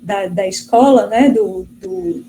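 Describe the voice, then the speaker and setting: A woman's voice: medium pitch, very animated, slow, creaky, mellow, rough recording. A middle-aged woman from Brazil, a guest professor answering interview questions in a chatty way, full of fillers and restarts. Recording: faint background noise.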